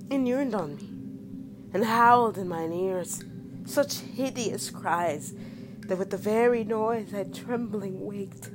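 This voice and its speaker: A woman's voice: mid-range voice, lightly acted, rough recording. A woman playing a frightened, guilt-ridden male duke in prison, speaking in classical stage verse. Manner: fearful, pleading classical verse.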